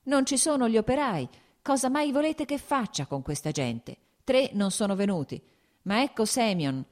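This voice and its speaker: A woman's voice: on the high side, very animated, moderate pace, darkish tone, pitched above the performer's own voice. A woman doing an evasive estate steward man. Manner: placating, shrugging excuses. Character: evasive male estate steward, full of excuses.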